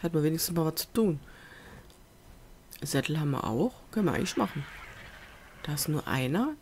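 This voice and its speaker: At home on her computer, a let's play gamer gives relaxed, rambling commentary on a survival game, muttering to herself and coaxing the on-screen animals. Her voice sits low and moves a little fast into a USB desk microphone. A faint hum lies behind her, with faint festival noise drifting in from outside.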